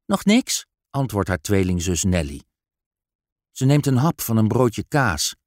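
A man narrating a children's story aloud in a slow, expressive storytelling manner. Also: on the low side, dry recording, clean studio sound.

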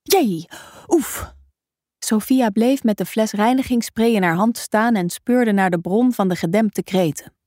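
A woman reading a novel aloud as a calm, even audiobook narrator. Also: medium pitch, moderate pace, few pauses, dry recording, studio quality. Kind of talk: scripted narration.

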